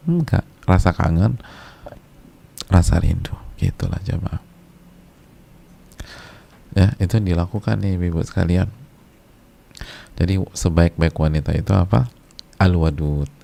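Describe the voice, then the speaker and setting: A man delivers a casual sermon to a women's congregation in a low, dark-toned voice with a gravelly edge. He repeats his key phrases for emphasis and mixes in Arabic. His chatty colloquial asides keep the preaching conversational. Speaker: Islamic preacher.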